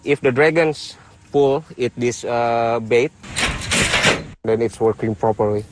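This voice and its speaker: A man in a nature documentary explaining his field work outdoors in simple, halting phrases. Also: mid-range voice, heavy background noise.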